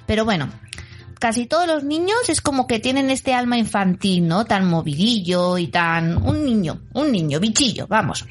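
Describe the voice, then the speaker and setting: Animated Spanish woman, fairly high voice. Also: moderate pace, soft background music. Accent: Spanish from Spain. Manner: animated, acts out children's whines and sound effects. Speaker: podcast co-host and teacher. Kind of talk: casual chat.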